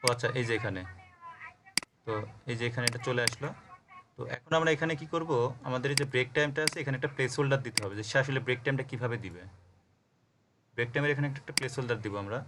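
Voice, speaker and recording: A man from Bangladesh teaches a live programming class over a call, explaining step by step, spelling words out letter by letter, and frequently checking that students follow. His medium-pitched voice moves very fast but with frequent pauses. Background noise is audible.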